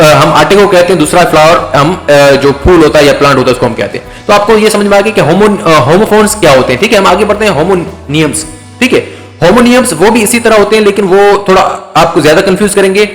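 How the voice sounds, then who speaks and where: A man giving an English vocabulary lecture, explaining slowly with many fillers and check-ins. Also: high-pitched. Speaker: English teacher. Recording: echoey room with faint music.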